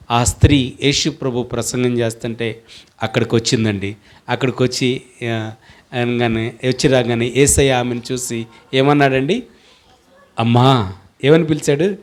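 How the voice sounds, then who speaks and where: A man with a Telugu accent, a pastor preaching a sermon in a church hall, asking rhetorical questions and building to loud chanted declarations. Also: medium pitch.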